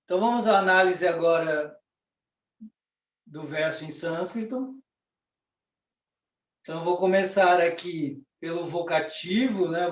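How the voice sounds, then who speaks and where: Man, Brazilian accent, teacher, fairly high voice, patient step-by-step explaining, distant mic, echoey room. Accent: Brazilian Portuguese. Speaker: Sanskrit teacher. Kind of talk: explanatory lecture.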